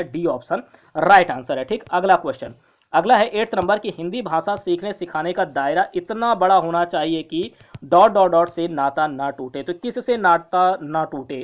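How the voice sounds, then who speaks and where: An online exam-prep teacher reads each quiz question and its options aloud, then repeats them before giving the answer. The voice sits at a middling pitch and keeps checking in with the viewers. The recording sounds dull and lo-fi.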